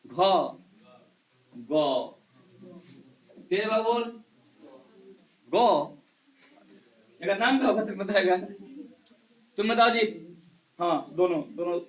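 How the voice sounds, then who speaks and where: A male chemistry teacher in a live class, quizzing students one by one and hushing the noisy ones. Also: high-pitched, lively intonation, slow pace, pauses often. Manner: quizzes students one by one, scolds and hushes them. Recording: echoey classroom.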